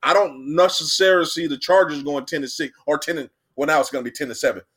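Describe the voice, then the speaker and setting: Young male co-host, quick-talking and a little high, rambling sports debate. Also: slightly rough. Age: young adult. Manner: rambling, repeats himself, animated when arguing. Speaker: podcast co-host.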